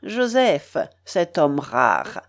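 A woman's voice: deep voice, wildly swooping pitch, drawn-out words, heavily acted. A woman reading an audiobook, voicing a vengeful, scornful male pirate who threatens with sneering emphasis.

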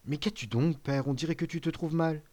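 Guy reading as young sailor son, earnest and excitable, bit higher than the narration, audiobook. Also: a little fast, lightly acted. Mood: eager, warm. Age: 20s. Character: eager young sailor, warm and devoted son. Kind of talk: audiobook character voice.

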